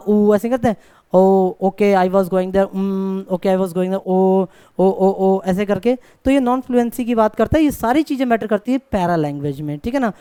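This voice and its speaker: A male tutor with a fairly high but mellow, smooth voice, recorded dry and close. He reads textbook lines slowly, then breaks them down in a chatty, informal way. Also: no echo. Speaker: exam-prep tutor. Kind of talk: online exam-prep lecture.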